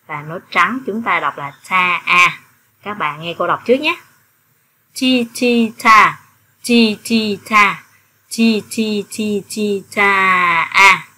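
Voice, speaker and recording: Female primary music teacher, Southern Vietnamese accent, bright and lowish voice, slow deliberate delivery. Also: a little hiss or hum. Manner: slow, clear instructions with rhythmic counting and chanting. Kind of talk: online music lesson.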